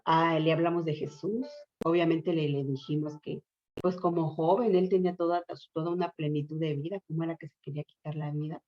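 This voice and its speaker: A woman's voice: low voice, dark tone. A middle-aged woman pastor telling an emotional testimony in a sermon, earnest and heartfelt. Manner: earnest, emotional storytelling with acted quotes. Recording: muffled lo-fi church recording.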